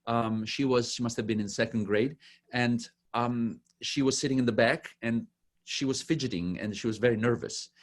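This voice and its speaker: A middle-aged man from Italy, a pianist and professor, chatting as a guest and telling family stories, acting out quoted lines in a lifted voice. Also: normal speed. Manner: warm storytelling, acts out quoted lines in a higher voice. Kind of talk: casual interview chat.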